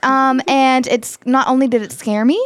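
A woman's voice: sits high, normal speed, no echo, studio quality. A young woman chatting casually about a play she acted in, telling stories with lots of giggling. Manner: giggly, animated storytelling. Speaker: student actor recalling a play. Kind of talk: casual chat.

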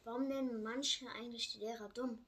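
A teenage girl co-hosts a homemade podcast in a fairly high voice. She is silly and deadpan, handing out goofy nicknames and bickering playfully. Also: a little fast. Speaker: podcast co-host. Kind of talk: casual joking chat.

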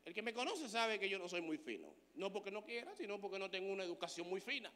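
A man preaching a sermon, moving from soft storytelling to shouted exhortation and calling on the congregation to respond. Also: sits high, very animated, quick pace, big-room sound. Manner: talks to the congregation, calls for responses. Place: church.

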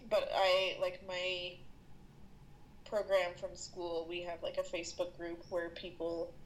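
A woman's voice: fairly low pitch, completely flat delivery, measured pace, slight background noise, poor audio. A woman freelance artist in casual conversation, thoughtful and searching for words. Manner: thoughtful, many fillers and restarts. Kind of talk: casual chat.

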